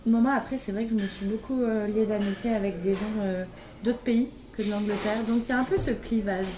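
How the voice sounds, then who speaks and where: A woman's voice: mid-range voice, fairly even intonation. Young woman chatting hesitantly in a noisy hostel. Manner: hesitant, pauses to search for words. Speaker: podcast guest. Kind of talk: casual conversation.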